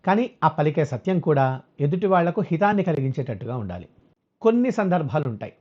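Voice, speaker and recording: A man giving a religious discourse as a spiritual teacher, explaining scripture and slowly chanting verses, on a dull lo-fi recording. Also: fairly high pitch, very animated.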